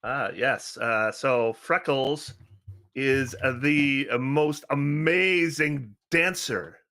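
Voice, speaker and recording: A man with a bright, forward voice describes his character in a tabletop game. He talks very slowly and deliberately, in an upbeat way. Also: mid-range voice. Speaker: player.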